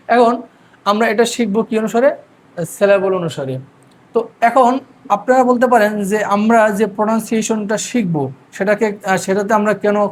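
A man's voice: high-pitched, slight background noise. A man teaching English pronunciation, explaining step by step and drawing out each word syllable by syllable. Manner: repeats words slowly and drawn out, syllable by syllable. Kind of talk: explanatory lesson.

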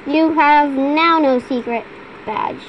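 A woman's voice: sits high, slow, muffled recording, faint music behind. A female gamer chatting casually and giggling as she plays, with lots of ums along the way, at home at her computer. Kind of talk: casual game commentary.

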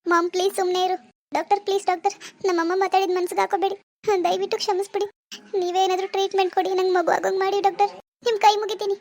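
A woman's voice: very high-pitched, level tone, racing, darkish tone, voice pushed up. Woman voicing a tearful young cartoon wife. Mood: pleading. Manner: pleading, despairing.

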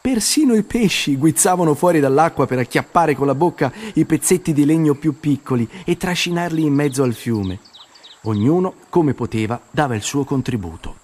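Animated, sing-song male storyteller. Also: fairly high pitch, normal speed, long reverb tail. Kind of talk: children's storybook narration.

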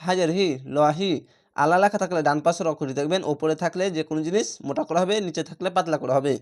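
A man with a slightly high voice leads a Quran reading lesson. He names each letter and its vowel mark in a patient, even manner. Then he chants the joined word slowly and stretches it out. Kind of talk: spelling-out recitation lesson.

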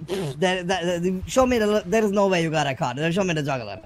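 A man's voice: high voice, animated, a little fast, slight background noise. A man playing a suspicious, needling gangster in improvised game banter, arguing in a repetitive, incredulous way. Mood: accusing. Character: suspicious, needling male gangster haggling over money. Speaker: player in a crime role-play game.

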